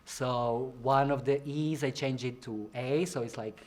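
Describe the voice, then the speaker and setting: A young Croatian drag performer answers interview questions in a chatty, playful way, popping into high voices to imitate what others said. His tone is darkish and his pace unhurried.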